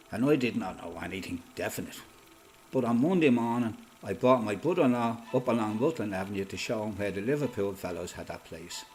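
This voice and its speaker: In a radio play, an Irish-accented man voices a determined freedom fighter who testifies in the first person, plain-spoken, measured and matter-of-fact. His voice is natural, medium in pitch and a little mellow.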